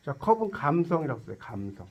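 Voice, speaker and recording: A man's voice: on the high side, very animated, a little fast, slightly rough, muffled recording. A man teaching a tarot lecture to a class, quizzing his students and cracking jokes as he explains. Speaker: tarot instructor.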